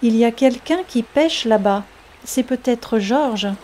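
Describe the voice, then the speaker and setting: A cheerful Englishman at the seaside, friendly and eager, asking questions at an unhurried pace, as a woman reads him in a learners' storybook. The voice sits a little high and mellow.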